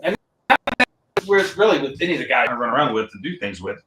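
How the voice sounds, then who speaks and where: American dude hosting a podcast, rambly, lotsa ums, sounds far from the mic in an echoey room. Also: male voice, mid-range voice, quick pace, very noisy. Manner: relaxed, rambling, many ums. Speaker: podcast host. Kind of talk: casual podcast interview. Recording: roomy and off-mic.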